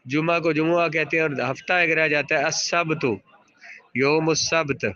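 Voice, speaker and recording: A male teacher leads a classroom grammar lesson, parsing sentences aloud, patiently quizzing students, and repeating their answers. His voice is fairly high, steady, bright, and forceful, though the audio is dull.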